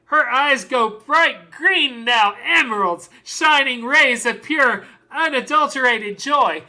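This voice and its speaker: With a mid-range voice, a woman portrays an excitable father who dotes on his little girl, sounding awed and tender. Her theatrical monologue leans on dramatic pauses and long, drawn-out emphasis.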